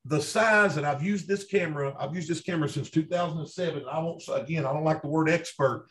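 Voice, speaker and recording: Man, Kentucky accent, somewhat high pitch, conversational storyteller, folksy, emphatic repetition, interview guest. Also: fast, fairly bright tone. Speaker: interview guest, Bigfoot researcher. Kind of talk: conversational first-hand storytelling.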